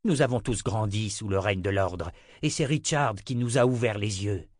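A man voicing an angry burly blacksmith, forceful and scolding. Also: fairly low pitch, normal speed, no room sound, studio quality, close to an everyday voice. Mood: stern.

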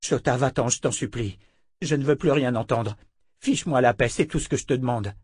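A man's voice: mid-range voice, a little fast, a little mellow, husky, no room sound, clean studio sound, pitched above the performer's own voice, natural voice. A man reading an audiobook, voicing a defiant young man who argues and pleads. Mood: pleading. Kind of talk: audiobook character voice.

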